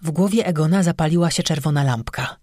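A man narrating a fantasy audiobook in a measured storytelling manner. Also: a little high, darkish tone, no room sound, clean studio sound. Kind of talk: scripted narration.

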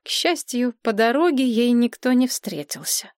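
A woman's voice: on the high side, animated, normal speed, no echo. Woman narrating an audiobook, dry.

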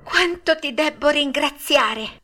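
A woman voicing a frightened, excitable wooden puppet boy in a storybook reading, shrill and breathless. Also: takes it slowly, full character voice. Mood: eager.

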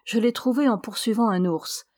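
A woman's voice: a little high, moderate pace, a little mellow, no echo, natural voice. An audiobook figure: a desperate, fiercely protective young man, read by a woman narrator. He pleads with urgent passion and his voice swells when he presses a point. The reading is close and dry, with no room sound. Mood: anguished.

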